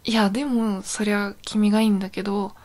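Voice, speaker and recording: A woman's voice: mid-range voice, level tone, a little fast, a little mellow, natural voice. A woman playing a young, possessive yandere girlfriend in an intimate role-play audio drama, sounding sweet, clingy and eerily obsessive. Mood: anxious, sweet.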